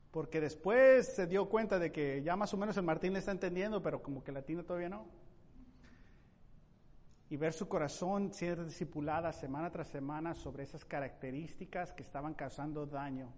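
A man preaching a sermon in an emphatic way, with sudden loud rising questions. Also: fairly high pitch, big-room sound. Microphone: microphone.

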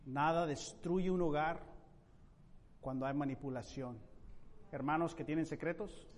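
A man's voice: fairly high pitch, unhurried. Emphatic male preacher in a reverberant hall. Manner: emphatic, with sudden loud rising questions. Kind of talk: sermon. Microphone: microphone.

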